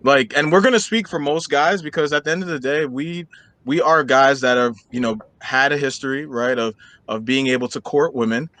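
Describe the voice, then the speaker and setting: A man's voice: mid-range voice, moderate pace, fairly bright tone, no room sound. Blunt thirty-year-old man, dry close sound. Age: 30s. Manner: blunt, emphatic, asks for agreement with "right?". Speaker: podcast co-host. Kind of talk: casual opinion chat.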